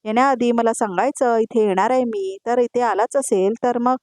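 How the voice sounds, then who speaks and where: A woman's voice: fairly high pitch, moderate pace, darkish tone, no room sound, clean studio sound, lightly acted. A woman reading the lines of a sheepish, evasive young husband who is a lawyer. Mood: flustered.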